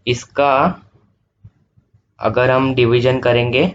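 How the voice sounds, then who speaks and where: A man teaching an online revision lesson, explaining slowly and repeating each step, checking often that students follow. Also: medium pitch, little pitch movement, highs cut off, slight background noise. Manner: slow, repetitive explaining with frequent checks.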